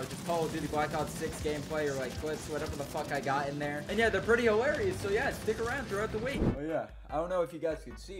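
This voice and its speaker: A man's voice: a little high, noisy background. A young man giving casual gameplay commentary, swearing freely in slangy trash talk. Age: young adult. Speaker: gaming YouTuber. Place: small room indoors.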